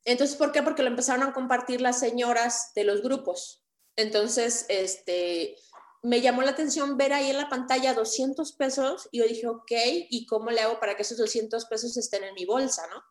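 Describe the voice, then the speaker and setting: A woman in her thirties with a Mexican accent, a guest telling her story in casual, lively, self-mocking anecdotes. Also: a little high, normal speed. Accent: Mexican Spanish. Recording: echoey room.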